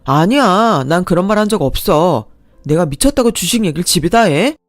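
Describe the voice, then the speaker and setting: A woman's voice: lowish voice, animated, normal speed, dry recording, soft background music, close to an everyday voice. A woman voicing an irritated young husband who argues defensively with his wife. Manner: annoyed, defensive.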